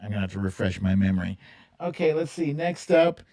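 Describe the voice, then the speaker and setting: This livestream host speaks in a low, dark voice that is animated and a little fast. The casual chat centres on an informal TV theme quiz, with plenty of rambling, thinking aloud, and playful humming and singing.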